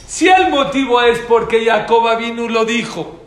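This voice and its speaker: Higher-voiced man teaching a class. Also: moderate pace. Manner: emphatic, repeats key points, answers students directly. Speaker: religious teacher. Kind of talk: classroom lecture with questions. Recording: roomy, faint background noise.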